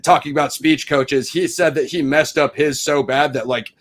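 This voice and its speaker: A man's voice: on the high side, fairly even intonation, normal speed. Chatty man reading film trivia. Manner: reads trivia then riffs on it; chatty, many fillers like "you know". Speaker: podcast host. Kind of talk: casual film review chat.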